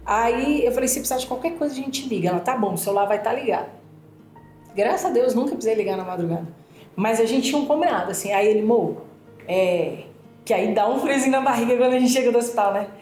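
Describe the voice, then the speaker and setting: In a roomy recording backed by music, a fast-talking woman with a fairly high pitch tells a personal story casually. Her Brazilian Portuguese accent comes through, and her animated telling is full of fillers.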